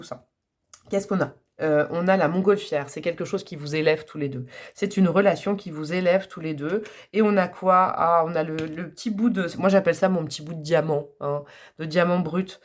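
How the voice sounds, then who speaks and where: A woman giving a casual tarot reading to camera, chatty and rambling, with frequent fillers and small laughs. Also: lowish voice. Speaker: tarot card reader.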